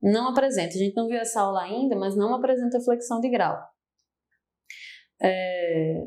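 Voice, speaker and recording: A young adult woman with a Brazilian Portuguese accent teaches a grammar lesson for exam prep. Her medium-pitched voice has a warm tone, and she explains step by step, often turning to address her students.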